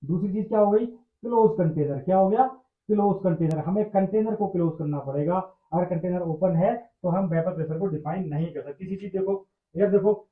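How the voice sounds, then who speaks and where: A male chemistry teacher, explaining a lesson, repeating phrases and asking and answering his own questions. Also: high voice. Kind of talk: classroom-style explanatory lecture. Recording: echoey room over tinny phone-like line.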